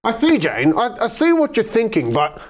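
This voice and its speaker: A woman's voice: fairly high pitch, wildly swooping pitch, normal speed. A woman playing Moses, patient and earnest. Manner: earnest, patient explaining with hesitant restarts. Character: Moses, patient biblical leader teaching rules. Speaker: actor in a children's Bible skit. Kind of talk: children's show skit acting.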